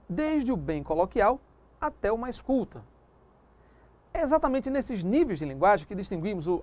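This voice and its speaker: A male teacher giving a recorded grammar lecture, lively and emphatic, dragging out example words and adding chatty asides to the viewer. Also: high voice.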